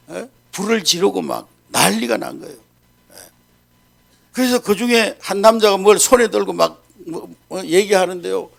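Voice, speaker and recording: A male pastor telling a story in an animated sermon, often checking in with the congregation. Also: high voice, gravelly.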